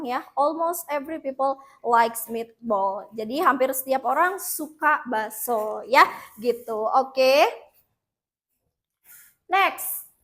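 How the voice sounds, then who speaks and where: A woman teaching an English lesson in a classroom, mixing two languages and leading slow repeat-after-me drills. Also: high-pitched, fairly bright tone.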